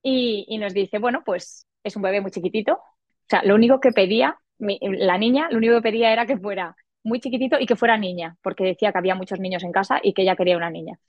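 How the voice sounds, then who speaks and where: A woman in her forties, a podcast guest, telling a personal story in a lively way and acting out the voices she quotes. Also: fast, no room sound, lo-fi sound. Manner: animated, acts out quoted dialogue in a higher voice. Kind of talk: casual storytelling.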